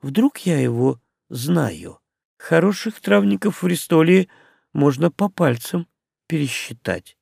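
A man voicing a shrewd, sharp-tongued witch in an audiobook. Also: on the high side, very animated, takes it slowly, creaky, slightly rough, dry recording, clean studio sound, exaggerated voice. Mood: wry.

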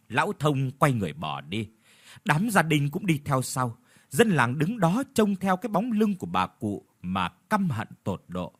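A man narrating a horror story in a vivid, dramatic storytelling manner. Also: medium pitch.

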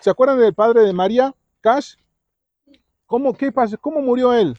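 A man with a very high voice gives a Bible talk to preteens at a retreat at a moderate pace, often quizzing them and tagging lines with "¿sí?". The recording is dry, dull, and lo-fi.

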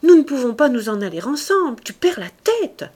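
A woman's voice: high voice, very animated, brisk, a little mellow, slightly rough, voice pushed up, exaggerated voice. A woman voicing a frightened, weak-willed young man in an audiobook of a classic novel, pleading in a nervous way. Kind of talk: audiobook character reading.

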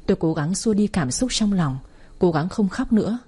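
A woman's voice: medium pitch, expressive, moderate pace, mellow, breathy edge. A woman narrating a first-person audio story in an emotional, heartfelt reading.

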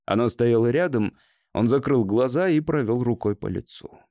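Male audiobook narrator, measured and steady, medium pitch. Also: no echo, studio quality. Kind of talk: scripted narration.

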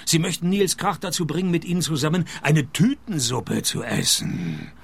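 Gravelly, deadpan noir private detective. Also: male voice, on the high side, normal speed, exaggerated voice. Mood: dry, needling. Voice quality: gravelly, raspy. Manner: deadpan, sardonic, dry wisecracks. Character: wry, world-weary male private detective narrating his case. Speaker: lead character and narrator. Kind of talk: noir detective radio drama, deadpan narration and dialogue.

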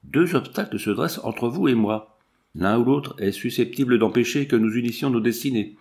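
A proud young English lady with a sharp tongue speaks in a cool, ironic, measured way, as a man reads her part. This is a storybook reading with a mid-pitched voice. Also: gravelly, close to an everyday voice.

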